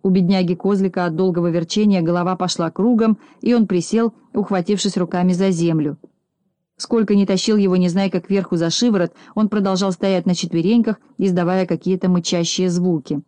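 Brief: woman narrator, storybook reading, mellow low-bright voice, dry close sound. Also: steady tone, a little fast, dry recording. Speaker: audiobook narrator.

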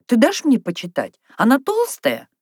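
A woman reading aloud, voicing an excitable, scatterbrained little girl who exclaims a lot. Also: fairly high pitch, moderate pace, breathy edge, no room sound, clean studio sound, pitched above the performer's own voice, exaggerated voice. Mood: excited. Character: scatterbrained giggly little girl, easily sulky.

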